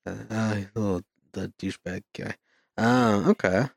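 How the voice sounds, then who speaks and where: A man co-hosting a podcast while a little high, talking in a laid-back, drifting way and swearing casually, recorded inside a small closet. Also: flat delivery, moderate pace, gravelly, no echo, studio quality. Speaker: podcast co-host. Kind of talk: casual chat.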